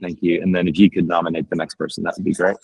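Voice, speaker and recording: A man hosting a group video call, sharing candidly and emotionally, halting and pausing often. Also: low voice, level tone, creaky, darkish tone, husky, no echo, rough recording. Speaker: host of a morning group call.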